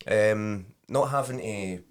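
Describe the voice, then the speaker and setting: A man's voice: fairly low pitch, slow, clear, resonant tone. A man in his thirties with a West Lothian Scottish accent, chatting in an informal, rambling way as an interview guest. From Scotland. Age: 30s. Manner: informal, rambling, often adds "you know". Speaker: podcast guest, drummer. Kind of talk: casual chat.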